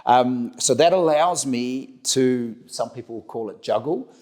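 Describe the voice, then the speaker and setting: The interview guest, a middle-aged company director with a New Zealand accent, has a medium-pitched, darkish voice and an unhurried delivery. He responds conversationally, tending to repeat words and begin again.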